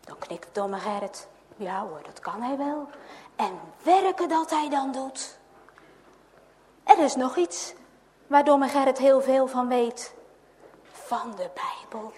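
A woman reads a children's story aloud, gentle and expressive, at an unhurried pace in a high voice. Her words ring out in a long hall reverb.

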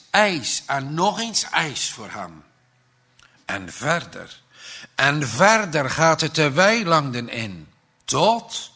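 Slow, dramatic husky male storyteller. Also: fairly high pitch. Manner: dramatic, with sudden swells and hushes. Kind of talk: dramatic reading of a moral children's story.

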